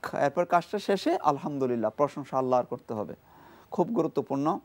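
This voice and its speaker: A Quran reading teacher leading a televised class, repeating each syllable slowly and emphatically and explaining where the tongue and throat form each sound. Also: medium pitch, expressive. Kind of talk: televised call-and-response recitation class.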